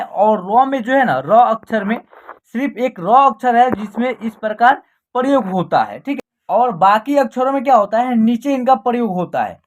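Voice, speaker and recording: A woman runs an online reading lesson in a slightly high voice. She speaks patiently, checks in with the learner again and again, and stretches each long vowel slowly when she demonstrates it. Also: darkish tone, highs cut off. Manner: patient, repeats "ठीक है ना", draws out sounds when pronouncing. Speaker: Hindi reading teacher.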